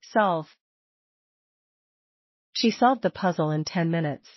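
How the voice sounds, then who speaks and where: Slow, careful female vocabulary reader. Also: on the low side, no room sound, muffled recording. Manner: careful, clearly spaced delivery. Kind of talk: slow scripted word-and-sentence reading.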